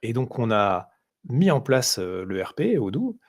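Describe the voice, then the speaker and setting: A man's voice: mid-range voice, big pitch swings, measured pace. A man co-hosting a business podcast, talking directly and steering the conversation. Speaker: podcast co-host, business software consultant. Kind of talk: casual business podcast discussion.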